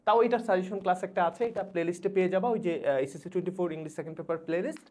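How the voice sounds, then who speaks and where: A young man from Bangladesh, an English teacher giving rapid exam advice to students, repeating instructions urgently. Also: high-pitched, a little mellow. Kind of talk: exam suggestion lesson.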